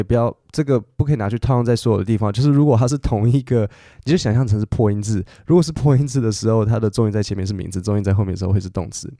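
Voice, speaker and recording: A man's voice: on the low side, warm tone, dry recording, clean studio sound. A middle-aged man, hosting a podcast English lesson and explaining patiently with fillers and self-corrections. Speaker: English teacher and podcast host.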